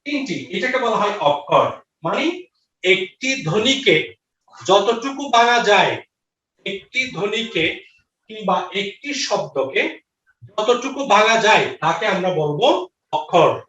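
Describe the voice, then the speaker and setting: A man's voice: sits high, very animated, slow pace, long pauses, bright, forceful tone. A man teaching a grammar lesson, repeating each question and answer and checking with his students. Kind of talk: online grammar lecture. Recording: roomy, distant, dull lo-fi audio.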